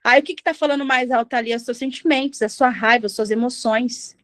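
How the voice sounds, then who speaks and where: Brazilian woman preacher, high voice, earnest emphatic testimony. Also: quick pace, a bit bright, dry recording. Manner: earnest, emphatic, acts out quoted speech. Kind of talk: sermon with personal testimony.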